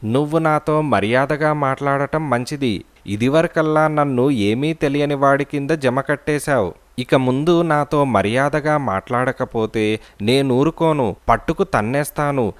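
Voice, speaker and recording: A man narrating an audiobook puts on a cheeky young boy who answers back without fear. The voice sits at an ordinary male pitch and carries a taunting, defiant tone. The delivery is plain storybook reading. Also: a little slow, close to an everyday voice.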